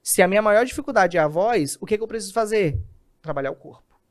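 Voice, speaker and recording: A man, a communication specialist, explaining in an animated podcast interview and acting out examples. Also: sits high, quick pace. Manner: animated, acts out examples in quoted voices.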